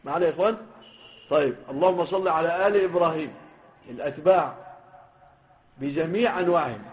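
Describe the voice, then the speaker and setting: A man's voice: fairly high pitch, fast. A man with an Egyptian Arabic accent teaching a hadith lesson, stressing the quoted wordings and putting questions to his students. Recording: phone-like lo-fi recording.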